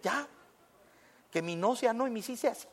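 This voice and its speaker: A man preaching a sermon, lively and conversational, acting out little exchanges and dropping in English phrases. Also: very high voice, normal speed. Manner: animated, acts out little dialogues, mixes in English phrases.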